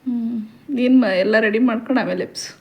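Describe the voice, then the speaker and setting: High-voiced teasing mother. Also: fast talker, gravelly, darkish tone. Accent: Kannada. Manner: teasing, bossy, laughing. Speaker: vlogger, mother. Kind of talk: casual family chat. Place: home kitchen at night.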